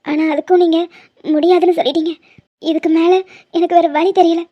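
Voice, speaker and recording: A woman's voice: extremely high pitch, flat delivery, a little fast, mellow, dull audio. A woman voicing a young woman obsessed with love in a cartoon, pleading and insistent. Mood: remorseful.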